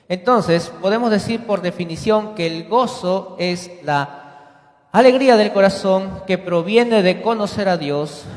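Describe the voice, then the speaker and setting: A man with a slightly high voice preaches a sermon in a reverberant church sanctuary. He questions the congregation directly and acts out short quoted exchanges. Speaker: lay preacher. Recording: echoey church hall.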